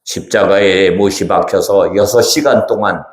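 A man voicing a gentle teacher in a live children's church puppet show, calmly explaining and reassuring. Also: low voice, normal speed, lightly acted. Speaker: pastor performing. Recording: echoey church hall, faint music.

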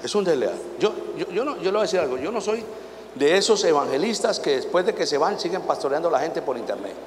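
A man preaching a conference sermon to pastors, telling folksy anecdotes and rising into shouted exhortation. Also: fairly high pitch, sing-song, fast talker, background noise. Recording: echoey hall reverb, faint ambience.

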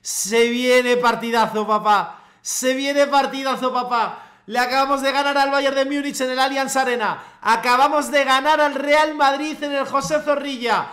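A man from commentating his own football video game match, cheering loudly at goals and repeating his phrases. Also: very high-pitched, steady tone, normal speed, few pauses. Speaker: gaming youtuber. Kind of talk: excited live gameplay commentary.

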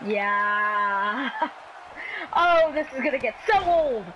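A woman casually commentating on a wrestling video game as she plays, calling the action in an excitable, scrappy way. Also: a little high, slow pace, a little hiss or hum, low-quality recording.

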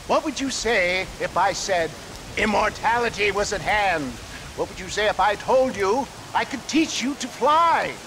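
A man's voice: sits high, lively intonation, unhurried, background noise. A man voicing a grandiloquent, crafty older snake-oil salesman in a Western video game, with florid showman's patter. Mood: showy sales pitch. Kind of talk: theatrical Western game acting.

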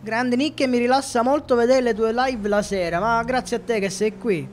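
A man's voice: very high-pitched, normal speed, a little hiss or hum. A man from Catania with a Sicilian accent, joking and chatting with viewers while streaming a police game. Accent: Sicilian Italian. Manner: playful, joking, talks to chat. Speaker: gaming streamer. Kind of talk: live gameplay commentary.

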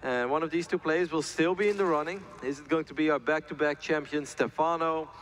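A man's voice: fairly high pitch, fairly even intonation, fairly quick, fairly bright tone. A man casting a live video game match, chatty and upbeat, laying out the stakes and the action. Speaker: esports caster.

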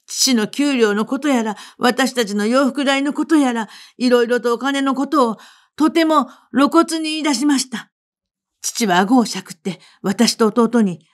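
A woman narrating a literary story in the first person, in a measured reading voice. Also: mid-range voice, a little mellow. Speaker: reader.

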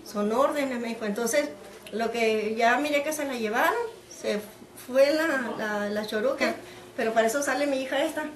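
A middle-aged Mexican woman, the mother of a detained woman, gives an emotional personal account in an interview, telling it in a lively, animated way and acting out the voices of the people she quotes. Her voice is a bit high and her speed normal, and the echoey room adds noticeable reverb along with a little hiss or hum.

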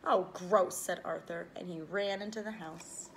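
A woman reading a children's picture book aloud, expressive, breaking off for playful asides to her listeners. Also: lowish voice, normal speed, slight background noise. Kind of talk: read-aloud storytelling.

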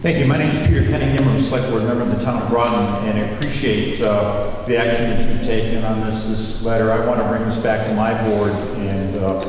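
A man, a select board member from a nearby town, speaking in a measured, thoughtful way at public comment. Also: fairly low pitch, fairly even intonation, a little mellow, slight background noise. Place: town meeting room. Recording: echoey hall from far off.

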